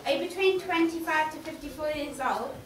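A woman playing a pushy female telemarketer in a comic skit, insistent in her pitch. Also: brisk, slight background noise, close to an everyday voice. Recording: echoey hall, mic far off, audience.

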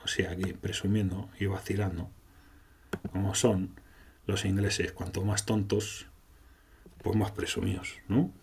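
A male gameplay commentator with a low-sitting voice speaks in a level tone at a measured pace with long pauses, over a slight hiss or hum. He reads and parodies game dialogue in a sarcastic, irreverent way, swearing freely.

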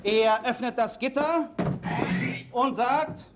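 A man narrating a comic sketch in a measured, dramatic storytelling manner. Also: very high voice, faint music behind. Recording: 1970s TV studio, audience, hiss. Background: studio audience.

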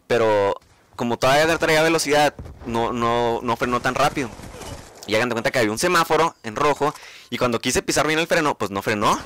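A man's voice: mid-range voice, a bit bright. A young man with a Mexican accent telling a story casually as a vlogger. He swears freely and acts out his own reactions.

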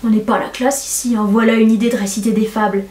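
A woman's voice: fairly high pitch, fairly even intonation, quick pace, darkish tone, echoey room, recorded from a distance, lightly acted. A woman reading aloud and voicing a grumpy, thundering male stage tragedian who scoffs at a girl's recitation. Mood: scornful. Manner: grumbling, scornful.

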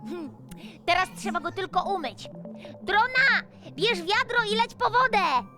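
A woman voicing Urania, a curious, cheerful young girl astronaut in a children's cartoon, excited and full of questions. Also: very high voice, a little slow. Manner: excited, exclaiming and asking questions. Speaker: main character. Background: music.

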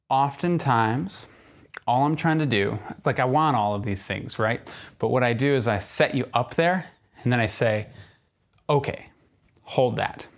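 In a carpeted living room, a young fitness coach with a mid-range voice talks casually while demonstrating a crawling exercise. A camera a few meters away records him.

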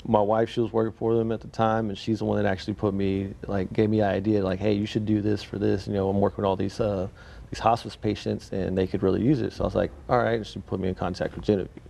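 A man's voice: on the low side, flat delivery, quick pace, vocal fry, mellow. A man in his thirties, a biker club member guest on a TV studio couch, laid-back and polite. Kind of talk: TV studio interview. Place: local TV news studio, on a couch. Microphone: lapel mic.

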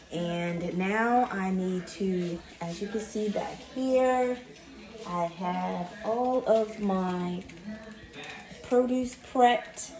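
Standing in her home kitchen, a middle-aged vlogger talks casually to the camera on the counter and reads out the steps of a recipe for her cook-along video. Her mid-range voice has a darkish tone, and the kitchen lends a roomy echo to the recording.

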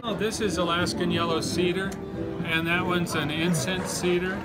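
A man in his sixties giving a casual interview in a halting, thoughtful way. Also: sits high, fairly even intonation, rough recording. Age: 60s. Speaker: instrument maker. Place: indoor festival exhibit room. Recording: busy festival room, music and crowd behind.

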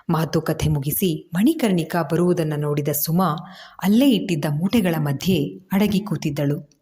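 A woman storyteller narrating a serialized story in measured, dramatic tones. Her voice is mellow and dark, and it sits somewhat low.

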